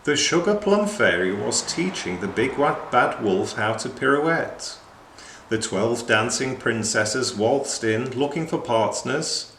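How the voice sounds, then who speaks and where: Man reading a children's story slowly. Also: medium pitch. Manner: slow, very expressive. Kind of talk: children's picture book reading. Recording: echoey room with faint noise.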